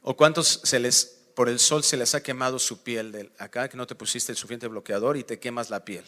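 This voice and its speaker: A man preaching a sermon as pastor, acting out little scenes and swinging from hushed to loud. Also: mid-range voice, brisk. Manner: animated preaching, acts out dialogue, swings from hushed to shouting.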